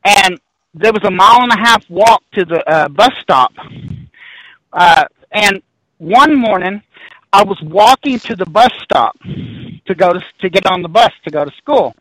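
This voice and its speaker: A man with a high, bright voice tells a story in a loose, rambling way, doubling back and laughing as he goes. His voice is recorded dry and close. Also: unhurried, no echo, rough recording. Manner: rambling, animated storyteller who backtracks and laughs. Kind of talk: casual storytelling chat.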